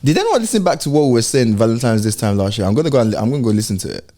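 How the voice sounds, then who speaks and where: A man's voice: mid-range voice, sing-song, very fast, dark tone. A young man, chatting casually as a podcast co-host and telling a story in a rambling way. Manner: rambling, storytelling with quoted voices. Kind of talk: casual chat.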